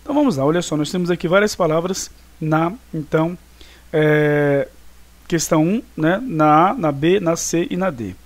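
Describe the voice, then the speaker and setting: In a recorded online class, a male teacher with a voice on the high side talks through exercises at normal speed. He's casual and chatty, uses many fillers and often checks in with his students.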